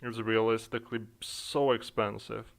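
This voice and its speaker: The streamer, a young man from the Czech Republic, speaks with a Czech accent in a low, gravelly voice that barely moves in pitch, at normal speed. He thinks aloud hesitantly with many fillers during relaxed livestream chat, adjusting his desk microphone in the streaming software.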